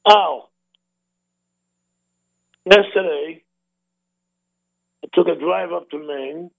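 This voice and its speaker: Gravelly-voiced radio host from Boston. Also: male voice, on the high side, extremely slow, dry recording. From Boston area. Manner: rambling, repeats words and restarts. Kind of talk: casual radio talk. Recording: narrow phone-like radio sound, dry.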